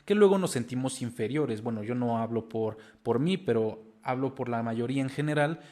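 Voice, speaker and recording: A man's voice: medium pitch, moderate pace, darkish tone. Earnest young Mexican man, encouraging. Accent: Mexican Spanish. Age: 20s. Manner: earnest and encouraging, addressing viewers directly. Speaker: language-learning video host. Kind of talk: motivational talk to camera.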